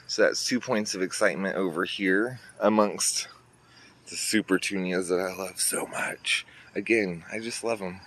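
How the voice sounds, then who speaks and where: Outdoors in a garden near a road, a man with a low, slightly bright voice speaks at normal speed, pointing out plants to viewers in a chatty walkthrough. He sounds a little congested, and the handheld phone picks up faint traffic and outdoor ambience.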